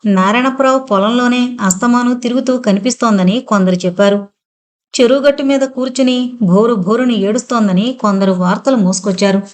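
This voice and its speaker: A woman reading a horror audio novel in a steady storytelling voice. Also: on the high side, fairly quick. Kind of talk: scripted horror audiobook narration.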